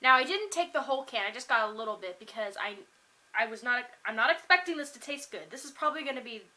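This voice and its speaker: A woman's voice: on the high side, expressive, quick pace, pushed and bright. A young woman vlogging casually at home, rambling upbeat with many fillers as she taste-tests food. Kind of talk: casual chatty vlog. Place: home kitchen.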